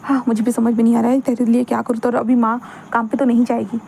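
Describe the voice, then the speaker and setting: A woman's voice: on the high side, flat delivery, fast talker, vocal fry, mellow, slight background noise. A woman voicing a blunt, caring young male best friend who talks in a brusque, matter-of-fact way. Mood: worried.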